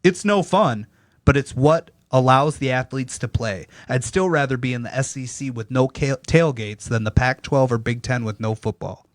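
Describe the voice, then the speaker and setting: A man's voice: medium pitch, normal speed, dry recording. A young man hosting a casual sports podcast, reading headlines aloud and teasing his co-hosts between items. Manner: reads news items then riffs, teasing.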